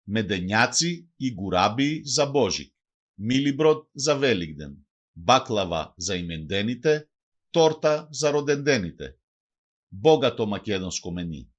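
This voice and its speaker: A man reads a scripted language lesson, his pitch rising and falling in an animated way. He says each word and then its translation in a steady, measured teaching rhythm. His voice sits at an ordinary middle pitch for a man. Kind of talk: scripted bilingual lesson narration.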